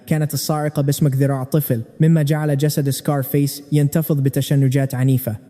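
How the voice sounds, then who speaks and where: A man narrating a recap story in a steady, dramatic storytelling manner. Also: on the high side, in a large hall.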